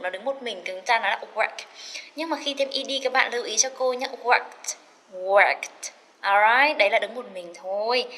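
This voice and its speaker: Bright-voiced woman teacher drilling pronunciation. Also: on the high side. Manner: drills pronunciation by repeating words slowly; chatty and encouraging, mixes in English. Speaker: English teacher. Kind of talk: recorded classroom lesson.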